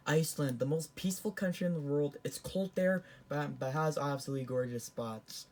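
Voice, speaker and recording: Speaking briskly in a fairly high, slightly mellow voice, a teenage boy from Canada rambles through casual tier-list commentary. He makes lots of false starts and keeps restarting and correcting himself.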